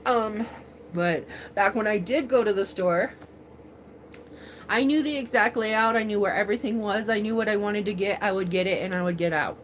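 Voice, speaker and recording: A woman's voice: medium pitch, moderate pace, slight background noise. A woman in her forties chatting casually on a livestream, rambling with many fillers, laughing often and speaking with open emotion. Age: 40s. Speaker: livestream host.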